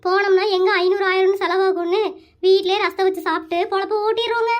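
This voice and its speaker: Here a woman gives voice to a complaining village housewife of middle age, put-upon and speaking with a Kongu Tamil accent, for a comic cartoon. The pitch is very high, the pace fast, the intonation fairly even, and the tone plaintive.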